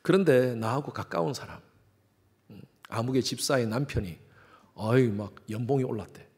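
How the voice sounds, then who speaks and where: A man's voice: medium pitch, a little mellow. A man preaching a Sunday sermon in a church, putting questions to the congregation and acting out the voices of the people he quotes. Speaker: pastor. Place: church sanctuary.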